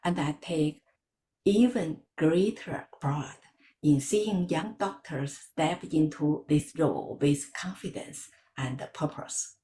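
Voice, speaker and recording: A woman from China giving a prepared campaign speech in a measured, earnest way. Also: sits low, warm tone, roomy sound. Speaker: election candidate.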